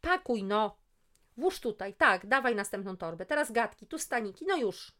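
A woman playing a bossy loud lady, higher voice, brisk commands, storybook reading. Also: close to an everyday voice. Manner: shouting orders, brisk. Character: loud bossy middle-aged woman friend.

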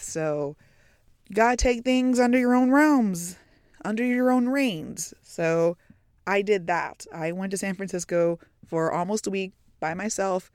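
A woman's voice: medium pitch, darkish tone, no room sound, clean studio sound. Chatty woman recording inside a closet. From United States. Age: young adult. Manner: chatty and playful, addresses listeners as y'all. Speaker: podcast host. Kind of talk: casual solo podcast chat. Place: inside a small closet in an apartment.

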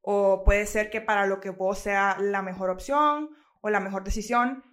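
A woman's voice: mid-range voice, moderate pace. Young Honduran woman in an echoey room. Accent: Honduran Spanish. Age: young adult. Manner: animated, laughs readily, uses vos. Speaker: podcast co-host. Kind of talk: casual chat.

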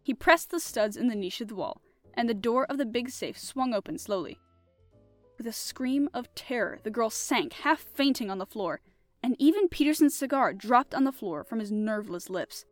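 A woman podcast host reading a classic mystery novel aloud in an expressive, animated style. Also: fairly high pitch, normal speed, soft background music. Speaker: podcast host and audiobook reader. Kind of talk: audiobook narration.

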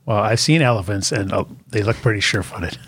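A man with a lowish, husky voice trading jokes in a relaxed conversation. He backs up the storyteller with quick agreement and throws in sarcastic asides. He sounds easygoing and quick with a comeback. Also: no echo. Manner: wisecracking, chiming in with agreement. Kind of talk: casual chat.

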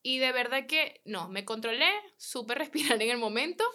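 Venezuelan woman guest, higher bright voice, animated storyteller who acts out the lines. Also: normal speed. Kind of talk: casual interview chat.

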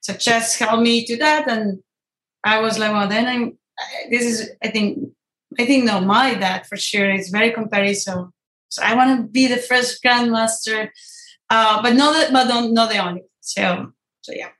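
A woman from Colombia in her thirties with a Colombian Spanish accent, a native Spanish speaker, talking earnestly and quickly as an interview guest, often restarting her sentences. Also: on the high side, fairly even intonation, a bit bright. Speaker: guest, chess grandmaster. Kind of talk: casual interview talk. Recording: roomy echo.

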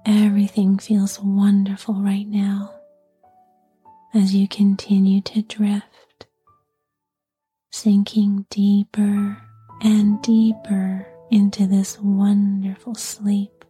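A woman narrating a guided sleep session like a bedtime story, in a soft, breathy whisper with a soothing, lulling delivery. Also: mid-range voice, completely flat delivery, takes it slowly, faint music behind.

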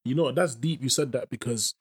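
A man in casual podcast chat, animated and acting out quoted voices. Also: mid-range voice, fairly quick, breathy edge.

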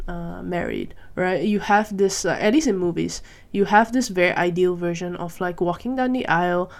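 Gravelly, rambling woman vlogger. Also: medium pitch. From Malaysia. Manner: rambling, many fillers and restarts. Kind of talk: casual monologue.

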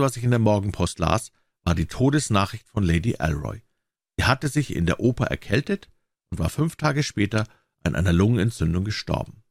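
A man narrating a classic story as an audiobook reader, with expressive, varied intonation. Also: fairly low pitch, no echo, clean studio sound.

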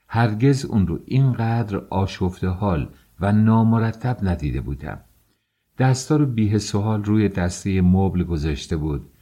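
A man narrating a novel in a measured, steady storytelling voice. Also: deep voice. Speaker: audiobook narrator. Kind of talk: scripted audiobook narration.

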